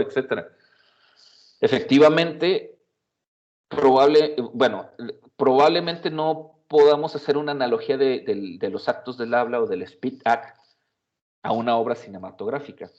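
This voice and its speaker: A middle-aged man lectures to a class in a loose, conversational manner. He often adds fillers and checks in with tag questions. The audio is dull and lo-fi, and his pitch sits in a middle range. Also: moderate pace, darkish tone. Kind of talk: university lecture.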